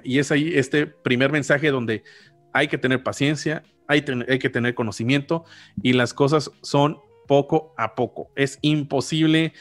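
A man in his thirties with a Mexican accent hosts a podcast, casually explaining finance and often correcting himself as he goes. His voice is fairly high and fairly bright. He sits close to a large studio microphone on a boom arm.

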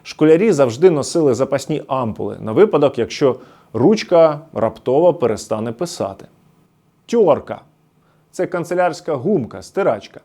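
A man's voice: on the high side, lively intonation, moderate pace, warm tone. A man from the Luhansk region giving scripted documentary narration, storytelling nostalgically as he explains words one by one. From Luhansk region, Ukraine.

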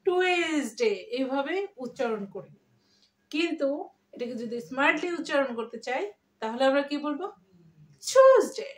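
A woman teaching English pronunciation, repeating each model word slowly and jumping up in pitch on it. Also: echoey room. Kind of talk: spoken language lesson.

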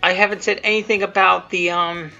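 A creator riffs casually on their own fan video in a mid-range, flat voice with vocal fry, talking fairly quickly. They ramble, keep repeating and rephrasing, and swear mildly now and then. The audio is dull and lo-fi, with music and a quiet cartoon soundtrack underneath.

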